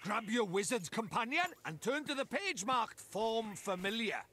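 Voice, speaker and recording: An actor with a Welsh accent playing a small, cheeky, bossy fairy creature in a video game, chirpy and theatrical. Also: male voice, sits high, animated, moderate pace, sharp tone, a little hiss or hum. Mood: chirpy, instructive.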